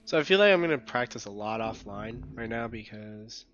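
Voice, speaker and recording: A man with a hoarse, scratchy voice from being sick, casually commenting on a game as a streamer and muttering to himself while playing. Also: on the low side, lively intonation, normal speed, fairly bright tone, lo-fi sound, soft background music.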